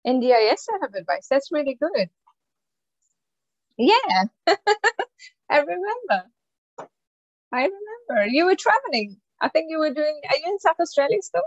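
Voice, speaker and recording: A woman's voice: high-pitched, very animated, normal speed, long pauses, dry recording. A woman casually hosting an online business call in an effusive, chatty way that jumps between thoughts. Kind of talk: casual chat, informal hosting. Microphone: video call microphone. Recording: dull lo-fi call audio.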